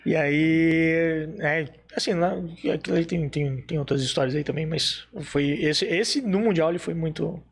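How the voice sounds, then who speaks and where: A man from Brazil telling stories in casual chat, animated and acting out the dialogue he recounts. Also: on the high side, a little slow, gravelly, hardly any pauses, breathy edge. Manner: animated storyteller, acts out quoted dialogue. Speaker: podcast guest telling stories.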